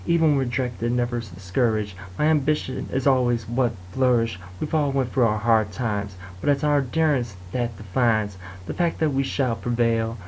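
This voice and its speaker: A man's voice: medium pitch, moderate pace, hardly any pauses, darkish tone, a little hiss or hum, poor audio. Young man rapping a freestyle. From Detroit area, United States. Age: young adult. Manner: rhythmic rhyming delivery with a chanted hook. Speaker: amateur rapper. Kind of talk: freestyle rap.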